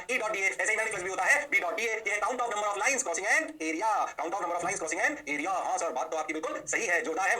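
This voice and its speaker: A man teaching physics in a recorded online lecture from a quiet studio, mixing English terms into Hindi and answering himself in a student's voice. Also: high voice.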